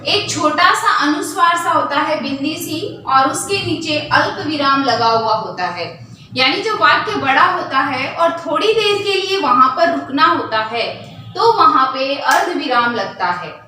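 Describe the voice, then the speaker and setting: Slow, lively woman teacher in an echoey room. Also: high-pitched. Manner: slow, asks questions and answers them herself. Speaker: Hindi teacher. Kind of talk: classroom lesson. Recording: echoey room from far off, faint hiss.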